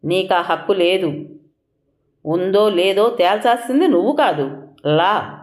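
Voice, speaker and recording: A woman's voice: medium pitch, expressive, slow. A woman voicing an angry, defensive husband in heated, pleading outbursts.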